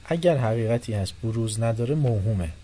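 Man giving an animated religious lecture. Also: medium pitch, slight background noise. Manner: animated, shifting loudness, quotes and acts out people.

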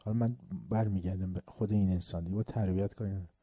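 A man's voice: deep voice, fairly even intonation, dark tone, slightly rough, dry recording. A man giving a religious lecture on upbringing, emphatic and repetitive, asking rhetorical questions and acting out folk anecdotes. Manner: emphatic, repeats word lists, asks rhetorical questions.

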